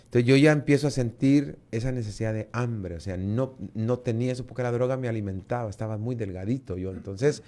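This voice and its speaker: A man with a Guatemalan Spanish accent tells his story as an interview guest. He gets animated, putting on the voices of the people he met and doubling up on words as he goes. His pitch sits in an ordinary middle range. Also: fairly quick, hardly any pauses. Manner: lively storytelling, acts out dialogue, repeats words. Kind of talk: testimony in an interview.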